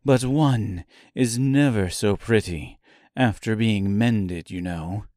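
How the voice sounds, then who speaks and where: A delicate, timid little china princess who talks slowly and softly, as a male reader puts her on. She sounds fragile and careful. The recording is dry. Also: lowish voice, dry recording. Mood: wistful. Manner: slow, soft and fragile.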